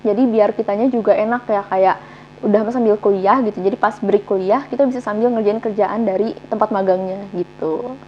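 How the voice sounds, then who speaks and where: Young woman guest, quick casual talker, dull recording with faint hum. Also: medium pitch, fairly even intonation. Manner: chatty, many fillers. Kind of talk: casual chat.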